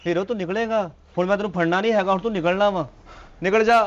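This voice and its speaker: A man's voice: sits high, fairly even intonation, fast, highs cut off, lightly acted. A man acting a scheming young village friend in a comic sketch, bossy and plotting.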